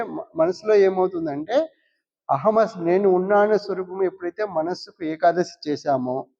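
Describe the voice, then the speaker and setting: A man giving a spiritual discourse. He asks the listeners questions and answers them himself, repeating key words. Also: high voice. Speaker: spiritual teacher. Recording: dull, lo-fi recording in a long-reverb hall.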